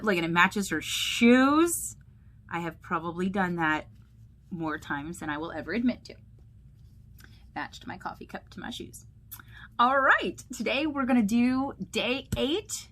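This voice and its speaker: A woman pastor chats playfully and reads a story aloud for children. Her voice is bright and clear, swinging lively up and down as she shows the pictures. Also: fairly low pitch, slight background noise. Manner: chatty, animated, playful.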